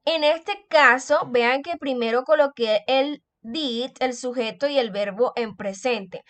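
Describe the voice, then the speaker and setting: High-voiced woman teaching slowly. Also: fairly bright tone. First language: Spanish. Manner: reads English examples slowly, then translates them. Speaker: English teacher. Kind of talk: slow explanatory grammar lesson.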